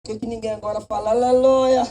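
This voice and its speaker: A man preaching a sermon in Brazilian Portuguese, his voice swinging between loud and soft as he presses his point. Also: extremely high pitch, level tone, quick pace, recorded from a distance. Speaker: pastor. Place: church.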